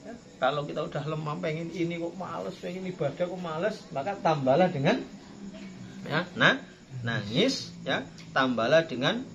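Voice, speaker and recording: A man's voice: fairly high pitch, expressive, moderate pace, a bit bright. A male preacher giving a playful religious study talk, acting out tearful pleading prayers. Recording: dull lo-fi sound, faint background noise.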